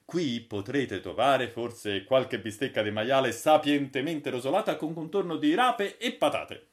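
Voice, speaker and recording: A man's voice: medium pitch, animated, measured pace, voice pushed up, natural voice. A man voicing a confident guide who explains a future world to visitors, assured and explanatory. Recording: roomy echo.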